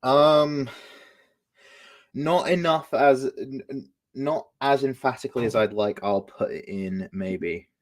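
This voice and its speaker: A man's voice: medium pitch, slow pace. A man hosting a casual live stream, chatting and often restarting his sentences. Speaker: streamer host.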